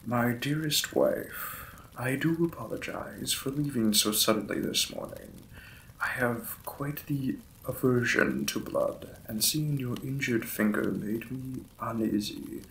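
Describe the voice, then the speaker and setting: The gentle vampire lord of Victorian times returns, played by a man as a polite, formal and tender new husband who apologizes in a romantic audio roleplay. The mid-range voice is gravelly and unhurried, formal and contrite, with poor audio and slight background noise.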